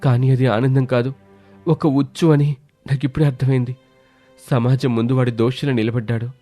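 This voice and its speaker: A man voicing a stubborn, status-obsessed young husband in an animated story. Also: mid-range voice, normal speed, soft background music, lightly acted. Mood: regretful. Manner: stubborn, boastful.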